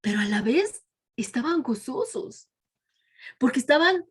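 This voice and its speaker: A woman teaching a children's Bible lesson as a storyteller. She keeps checking in with a soft "¿verdad?" and sometimes drops to a whisper. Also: high-pitched, expressive, measured pace, husky.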